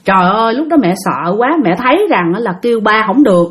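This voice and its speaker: A woman's voice: medium pitch, very animated, a little fast. A young woman telling a ghost story in a chatty way, talking straight to her listeners. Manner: chatty, addresses listeners directly.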